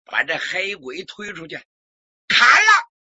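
A man's voice: high voice, sing-song, a little slow, sharp tone, slightly rough, no room sound, pitched above the performer's own voice, full character voice. A man playing an arrogant, hot-tempered young prince commander who bellows and mocks. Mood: furious. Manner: bellowing, imperious, mocking. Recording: dull lo-fi recording.

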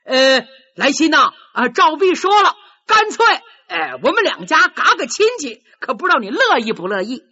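A woman's voice: sits high, sing-song, moderate pace, bright, forceful tone, dull audio, pitched above the performer's own voice, exaggerated voice. A woman voicing a bluff, hearty old man coaxing his daughter in a storytelling performance.

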